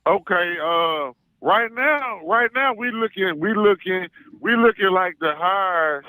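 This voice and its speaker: Arkansas accent guy calling a sports show, kinda high punchy voice, hyping himself up, says stuff twice to make the point. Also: lively intonation, takes it slowly, pushed and bright, no room sound. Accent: Arkansas Southern US. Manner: boastful, emphatic, repeats phrases. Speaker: call-in guest, self-styled football scout. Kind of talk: animated sports fan talk.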